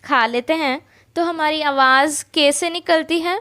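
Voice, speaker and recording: Woman Quran teacher, high clear voice, slow and patient, stretches out letter sounds. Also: pushed and bright. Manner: slow, drawn-out letter recitation; explains step by step, often checks in. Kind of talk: patient spoken lesson.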